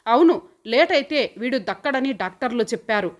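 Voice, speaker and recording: A woman's voice: a little high, animated, brisk, lightly acted. A woman voicing a devoted poor mother. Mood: heartfelt pleading. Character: poor devoted young mother, tender and tearful.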